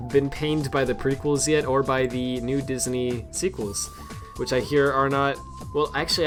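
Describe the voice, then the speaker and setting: A man chatting casually on a live stream, rambling and mocking himself as he reads out memes, laughing often. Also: mid-range voice.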